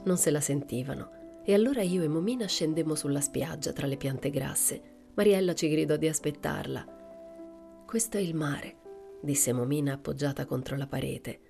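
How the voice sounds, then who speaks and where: A woman reading a novel aloud in a calm, measured way, lightly voicing the dialogue. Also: low-pitched, creaky, soft background music. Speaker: audiobook reader.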